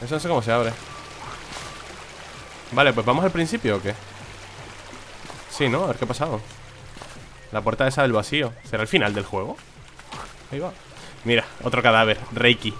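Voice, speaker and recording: Young Spain Spanish gamer talking through his play, casual and cussing, with mid pitch, over loud game music. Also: fairly quick, pauses often. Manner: chatty, swears when he is frustrated. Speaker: gaming video creator. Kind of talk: let's play commentary.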